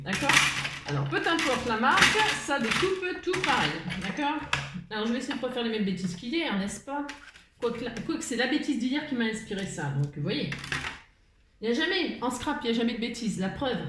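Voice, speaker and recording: A woman hosting a casual crafting tutorial. She rambles, often changes her mind mid-sentence, and chuckles a lot as she talks. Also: on the high side. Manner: chuckles often while talking. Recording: roomy echo, faint background noise.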